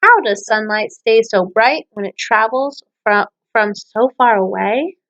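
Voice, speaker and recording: Unhurried and fairly high-pitched with a fairly bright tone, a woman teacher reads poems aloud for children and explains things, often asking them questions. The audio sounds dull.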